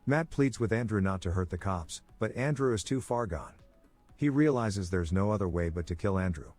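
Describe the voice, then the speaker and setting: A man giving a scripted narration, with a steady, even storytelling delivery. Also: lowish voice, normal speed, faint music behind. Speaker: movie recap narrator.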